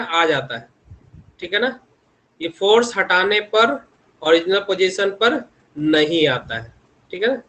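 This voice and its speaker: High-pitched young male lecturer a lilt, chatty teaching tone full of check-ins and homely examples. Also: fairly bright tone. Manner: repeats tag questions constantly, homely examples. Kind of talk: online engineering lecture.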